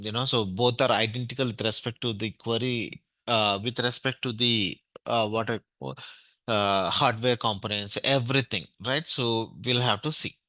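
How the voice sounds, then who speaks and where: An Indian English-accented man leads an online technical class, walking through each step and often pausing on "right?". His voice is bright and fairly forceful. The sound is dry and close, with no room around it. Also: mid-range voice, no room sound. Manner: explains step by step, checks in with "right?", many fillers. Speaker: database administration trainer.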